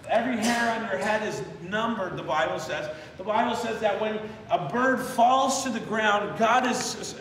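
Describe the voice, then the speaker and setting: Male pastor, high voice, call-and-response preaching, recorded from a distance in a reverberant church hall. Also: fairly bright tone, slight background noise. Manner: leads the congregation in call-and-response, repeating a memory verse. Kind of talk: sermon. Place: church sanctuary.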